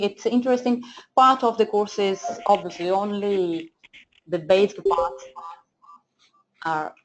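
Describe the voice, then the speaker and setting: A woman with a Portuguese accent works as a data analytics trainer, teaching over shared slides while her voice stays off camera. She speaks hesitantly in a mid-range voice, full of fillers and restarts, and the recording is rough.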